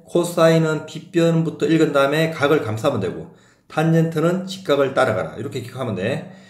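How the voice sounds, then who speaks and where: Guy teaching math, a bit high voice, jumps around a lot in pitch, keeps asking if u got it. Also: darkish tone, roomy sound. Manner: questions the students, often asks if they got it. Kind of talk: classroom math lecture.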